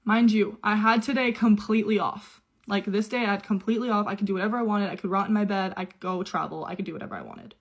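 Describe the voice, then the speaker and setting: A woman's voice: medium pitch, quick pace, hardly any pauses. Young woman spilling a story, super chatty, says like constantly. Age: young adult. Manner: chatty, many "like" fillers. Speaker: au pair telling her story. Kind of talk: casual storytime.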